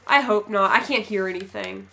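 A woman's voice: medium pitch, moderate pace, gravelly, fairly bright tone. A young woman in casual gaming chat with her mother, chatty and self-mocking as she narrates what she sees. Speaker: gamer, daughter playing with her mother.

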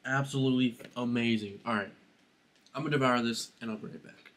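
A man's voice: medium pitch, steady tone, a little fast, a bit bright. A young man vlogging casually through his day, rambling in a laid-back way and often calling his viewers "bro", recorded on a phone. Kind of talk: casual daily vlog. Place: at home, then outdoors by a river.

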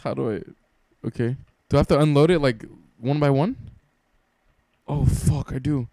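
A young man playing a co-op cooking game, excitable and swearing, often bursting into panicked shouts and laughter. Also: medium pitch, normal speed, no echo, clean studio sound. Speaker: gamer playing co-op. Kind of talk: casual gameplay chat.

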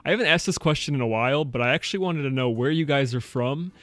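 A young man from Ohio narrating a car detailing video in a brisk, instructional voice-over that speaks straight to the viewers. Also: medium pitch, a bit bright, no echo. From Ohio, United States. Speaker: car detailing channel host.

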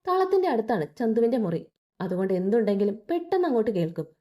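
A woman's voice: on the high side, sing-song, fast, mellow. A woman narrating a story expressively and voicing all the characters herself.

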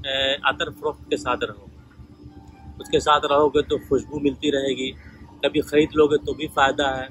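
Man, husky, bright tone, casual storytelling. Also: mid-range voice, flat delivery, moderate pace, faint music behind, rough recording. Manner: conversational, retells dialogues in quoted voices. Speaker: vlogger sharing life lessons.

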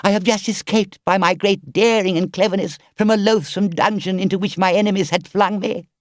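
Man doing a high, melodramatic storybook toad; self-pitying show-off, dry booth sound. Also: expressive, normal speed, no room sound. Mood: pleading. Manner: pleading, theatrical.

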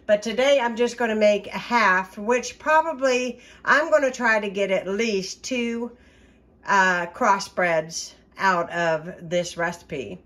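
A middle-aged woman chatting casually through a home baking vlog, relaxed and talkative with plenty of ums. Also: medium pitch, slow. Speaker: home cooking vlogger. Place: home kitchen.

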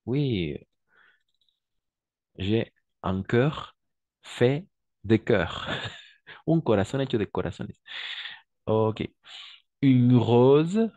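A man's voice: on the low side, dark tone, dry recording, muffled recording. A man teaching French in an online class, patiently repeating each word and translating into Spanish. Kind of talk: online language lesson.

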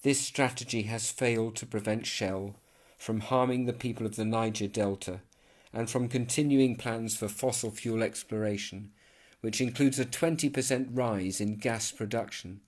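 Brief: man, lowish voice, measured formal letter reading, voice-over. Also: steady tone, a little mellow. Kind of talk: scripted narration, reading a letter.

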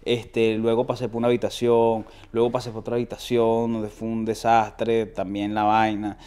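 Seated on a sofa in a living room, a young Venezuelan man speaks in a fairly low, monotone voice with a dark, clean tone at normal speed. As a guest in a casual interview, he tells slangy stories with quoted voices and frequent restarts, in a Venezuelan accent. A lapel mic picks him up.

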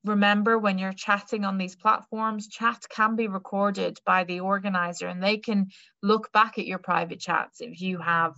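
This careers adviser, a young Irish woman, talks casually online, often restarting and using fillers. Her medium-pitched voice is creaky and sharp, with fairly even intonation and normal speed. There's no room sound, and her webcam or laptop mic on the video call gives slightly dull lo-fi audio.

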